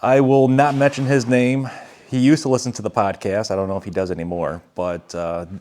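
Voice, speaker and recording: A man with a low voice co-hosts a casual podcast chat. He wanders through a long story, beating around the bush, chuckling as he goes and swearing now and then. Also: flat delivery, a little fast, darkish tone. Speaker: podcast co-host.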